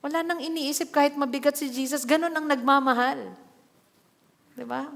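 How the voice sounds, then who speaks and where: A woman pastor delivers a sermon, moving between scripture reading and lively asides where she acts out little quotes. Her voice sits high, and it rings out in a church hall with a long reverb. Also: moderate pace, creaky.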